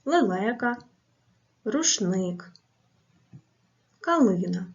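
A woman teaching a grammar lesson to schoolchildren on video, speaking slowly and clearly and asking and answering drill questions. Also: medium pitch, expressive, lo-fi sound.

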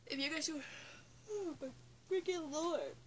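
This casual opinion vlog comes from an eighteen-year-old woman from Newfoundland, Canada, who speaks Newfoundland English into a phone or webcam close in front of her. Sitting indoors under a bunk bed in her small bedroom, she rambles with restarts and giggles, her voice sitting high at a measured pace, with slight background noise.

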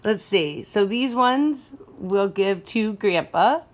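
A woman's voice: mid-range voice, expressive, slow. A woman hosting a prank challenge at home in casual chat. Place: home dining room. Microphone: handheld phone. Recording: slightly noisy handheld phone recording.

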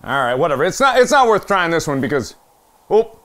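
A young man giving let's play commentary on a virtual reality zombie shooting game, swearing and joking, dropping to mutters and jumping to yelps and shouts. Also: on the high side, big pitch swings, a little fast, a little hiss or hum. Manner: swears and jokes while playing. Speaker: gaming YouTuber.

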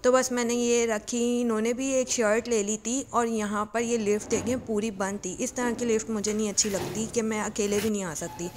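A woman's voice: a little high, steady tone, normal speed, hardly any pauses, darkish tone, a little hiss or hum. A woman from Pakistan narrating a casual shopping vlog, chatty and rambling, with fillers and self-corrections. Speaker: vlogger. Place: shops and supermarket, partly voice-over.

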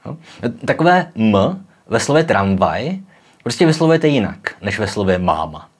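A man's voice: fairly low pitch, sing-song. A young man hosting a casual popular-science video, explaining in a chatty way with frequent tag questions and demonstrating sounds aloud. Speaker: educational video host.

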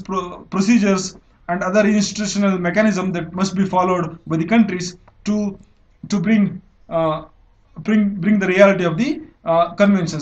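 A young man with an Indian English accent gives an exam-prep lecture over slides, his high-pitched voice recorded as a voice-over on screen annotation, with dull-sounding audio. He explains step by step, with frequent fillers and self-corrections.

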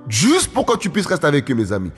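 A man's voice: fairly high pitch, wildly swooping pitch, fast talker. A man preaching a sermon emphatically, repeating phrases and calling out to his listeners. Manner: emphatic, repetitive, often calls out to listeners. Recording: faint music, long hall reverb.

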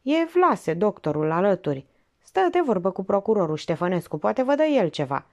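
A woman's voice: mid-range voice, very animated. A woman reading the part of an eager, unsure young male subordinate officer who speaks deferentially. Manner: hesitant, deferential.

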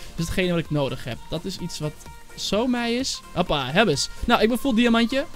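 A young man giving casual, rambling commentary on his own gameplay as a gaming channel host, and he gets excitable and shouts at rivals. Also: high voice, brisk, faint music behind. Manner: excitable, shouts and yells when angry at hackers; casual, rambling, with many fillers. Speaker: gaming YouTuber. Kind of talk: live Minecraft gameplay commentary.

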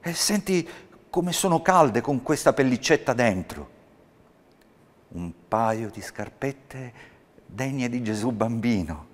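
A man voicing a humble, thrifty shoemaker's wife in a storybook reading, raising his voice into a mild, soft-spoken tone. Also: mid-range voice, expressive, slow pace, big-room sound, pitched above the performer's own voice.

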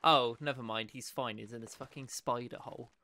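A man in casual game voice chat, reacting excitedly and swearing as he plays. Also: mid-range voice, brisk.

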